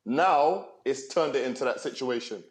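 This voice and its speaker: A man's voice: mid-range voice, expressive, moderate pace, echoey room. A man on a sports talk show making his case loosely, trailing off and restarting as he tells it. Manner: loose, many fillers and restarts, storytelling. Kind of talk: casual basketball chat.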